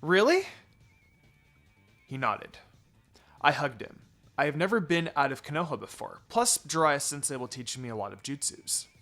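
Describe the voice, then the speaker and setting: Over background music, a man with a medium-pitched, sharp voice narrates a fan fiction story at normal speed. The scripted reading is dramatic and theatrical, with him performing the characters' dialogue.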